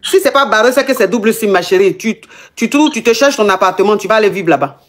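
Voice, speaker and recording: A woman's voice: mid-range voice, expressive, fast talker. A woman hosting as a relationship coach, giving informal advice emphatically and repeating phrases for effect. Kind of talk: informal advice on a live call-in show.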